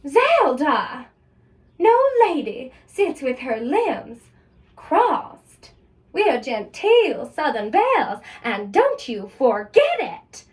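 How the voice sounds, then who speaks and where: A woman's voice: high voice, very animated, recorded from a distance, exaggerated voice. A prim Southern mother, as an actress puts her on. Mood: scolding. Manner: stern and scolding, drawn-out. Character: prim genteel Southern mother, older, proud of her children.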